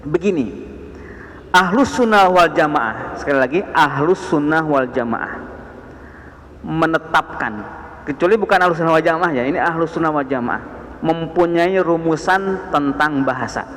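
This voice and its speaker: A man with a Sundanese accent teaching a dawn study session on the Quran, with animated rising emphasis on key words. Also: a little high. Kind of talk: mosque study sermon. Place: mosque. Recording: echoey mosque hall.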